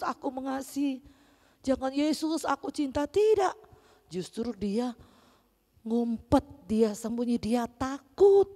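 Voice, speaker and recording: A woman teaches a children's Sunday school lesson and tells the story animatedly with playful voice shifts. Her voice sits fairly high. A long reverb from a church hall follows each phrase. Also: mellow. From Palembang, Indonesia.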